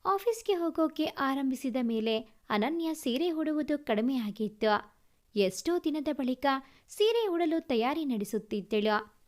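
A woman narrating a scripted story in a measured reading voice. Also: high voice, animated.

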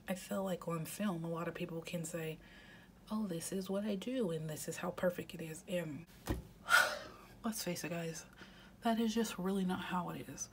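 Her voice on the low side, a congested planner vlogger with a head cold chats casually and often half-whispers as she fills out her weekly planner at home. A little hiss or hum runs under the recording.

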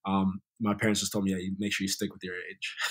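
Speaking brisk and husky in a low voice, a young Sierra Leonean man with an American accent shares stories as a guest on a casual video-call interview. He played college soccer and talks in a relaxed way with lots of fillers, from a bright room indoors.

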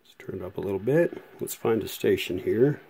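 Filming one-handed on his phone, a man shows how he repairs a vintage radio at his workbench, talking in a rambling, hesitant way full of fillers. His voice is fairly low, expressive and brisk, with a creaky, dark tone and a breathy edge, while the fluorescent lights above the bench hum in the background.

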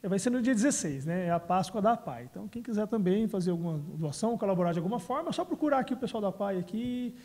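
A city council president answers interview questions into a handheld microphone in a small indoor room. His voice is high-pitched and expressive with a darkish tone, and he talks fast with few pauses, often tacking on tag words.

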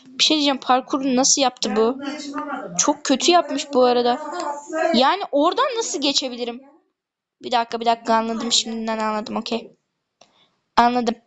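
A high-voiced woman chats casually over her gameplay. She talks to her viewers in a chatty, gossipy way and keeps drifting into complaining asides. Her voice sits well above the usual range. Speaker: gaming YouTuber.

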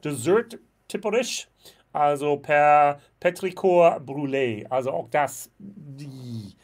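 Speaking slowly in a voice on the high side, this man is an American whisky vlogger in his forties whose first language is English, reviewing whisky casually in German with an American accent. Chatty and heavy on fillers, he gestures with bottles in an indoor room stocked with whisky shelves, captured by a webcam on his desk.

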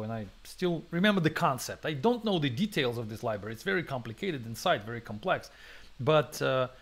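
A man hosting a programming webinar, thinking aloud through a live coding demo with many fillers, restarts and non-native phrasing. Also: medium pitch. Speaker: webinar host and programming instructor.

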